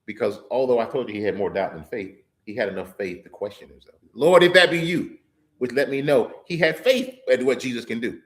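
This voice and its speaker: A man's voice: medium pitch, a little fast, few pauses. A man giving a sermon in a church service, talking in an emphatic, folksy way and often restarting his words. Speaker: lay preacher and trial lawyer.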